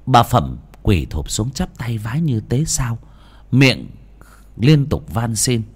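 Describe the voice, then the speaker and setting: A man narrating a village ghost story in a dramatic, animated way. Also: mid-range voice, slow, breathy edge.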